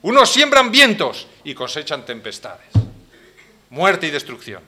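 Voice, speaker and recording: A male pastor with a Spain Spanish accent preaches with theatrical force, dropping to near hush and then rising to loud, pressing outbursts. His voice sits a little high and rings bright and forceful. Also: wildly swooping pitch, measured pace. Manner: dramatic, swings between hushed and loud. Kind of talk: sermon.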